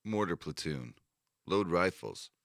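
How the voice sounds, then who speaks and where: A man's voice: extremely low pitch, normal speed, a bit bright, smooth, no echo, clean studio sound. A man voicing a shaken platoon officer giving curt orders in an audiobook reading.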